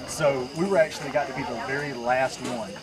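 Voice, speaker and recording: A man's voice: mid-range voice, steady tone, fairly quick, over loud music, poor audio. A man giving casual interview answers as a staff member at an attraction. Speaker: haunted trail staff being interviewed. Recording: outdoor recording with loud crowd noise.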